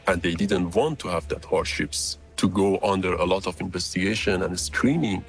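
Pitch-shifted deep disguised man. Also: moderate pace, vocal fry, faint music behind. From Iran. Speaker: interviewed researcher. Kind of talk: interview clip.

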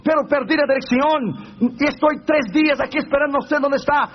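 A preacher acts out an anxious male pastor who pleads and protests, his voice pushed high and strained. He sounds cornered and earnest. The recording is dull and lo-fi. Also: moderate pace. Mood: desperate. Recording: dull lo-fi recording, faint noise.

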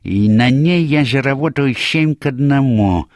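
Man doing an anxious young stable hand, high and strained. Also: animated, unhurried, darkish tone, no echo, studio quality. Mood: eager. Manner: pleading, worried.

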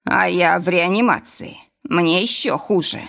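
A woman voicing a weak, breathless older man lying in intensive care, talking slowly between sighs. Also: on the low side, gravelly, a bit bright. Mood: weary. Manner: slow, sighing, breathless delivery.

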